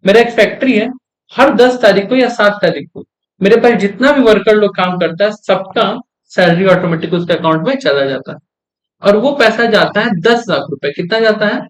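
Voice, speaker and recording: Young male lecturer, high pitch, drills terms, keeps asking students if it's clear. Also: normal speed. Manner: asks the class frequent check questions; repeats key terms for emphasis. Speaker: commerce teacher. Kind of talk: classroom lecture.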